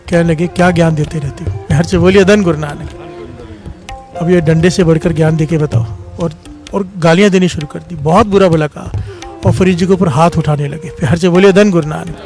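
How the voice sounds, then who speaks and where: A man's voice: fairly high pitch, steady tone, fairly quick, a little mellow, faint music behind. A man delivering a storytelling Sikh sermon, calling on the congregation to answer him and rising to impassioned pleading. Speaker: Sikh preacher. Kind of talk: storytelling sermon with call-and-response.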